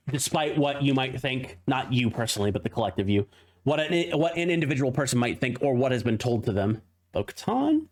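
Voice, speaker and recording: A mid-pitched man talks his way through a pack opening. He reads card names in quick bursts and fills the gaps with casual, chatty asides. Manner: laughs at his own tongue-twisters. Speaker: streamer opening card packs. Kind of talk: casual unboxing commentary.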